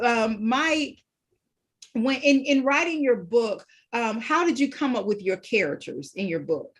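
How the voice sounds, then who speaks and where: A woman's voice: fairly high pitch, animated, measured pace, slightly rough. A middle-aged woman hosting a radio talk show, telling a personal story in a casual way and acting out the quotes, with a lot of "you know" fillers. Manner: retells events with acted-out quotes, many "you know" fillers.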